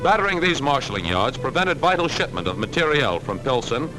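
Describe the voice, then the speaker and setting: Man, old newsreel narration, archival recording, emphatic announcer, music playing loudly underneath. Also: medium pitch, big pitch swings, fairly quick, low-quality recording. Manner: emphatic, declamatory announcer delivery. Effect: old newsreel narration played from an archive.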